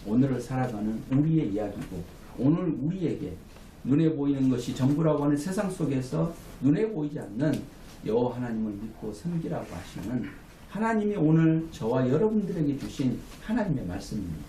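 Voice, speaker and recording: A man's voice: mid-range voice, big pitch swings, a little fast, dark tone, distant mic, a little hiss or hum. A man preaching a sermon as pastor, with emphatic calls for amen, recorded from afar in a small room. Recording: echoey room, mic from afar.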